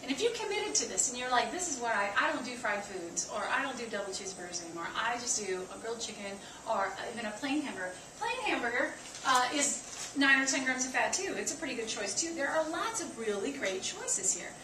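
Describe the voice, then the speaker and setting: A woman dietitian giving a lively nutrition talk to staff, counting aloud and quizzing her listeners. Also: fairly high pitch, brisk. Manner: chatty, counts aloud and asks the audience questions. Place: staff meeting room. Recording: echoey room, from far off, noisy.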